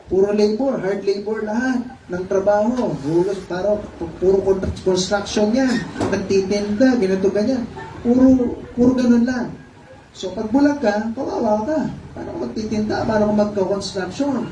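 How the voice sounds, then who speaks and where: A man's voice: high-pitched, moderate pace, few pauses. A man with a Filipino accent preaching a sermon to a congregation, questioning them and acting out the blind man's cries. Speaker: pastor. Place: church hall. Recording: echoey room, far from mic, noisy.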